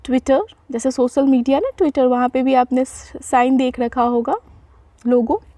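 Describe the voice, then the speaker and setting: A woman giving a vocabulary lesson, repeating each word and spelling it out letter by letter in an unhurried way, with small self-corrections. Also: sits high, fairly even intonation, warm tone, no room sound. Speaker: vocabulary teacher.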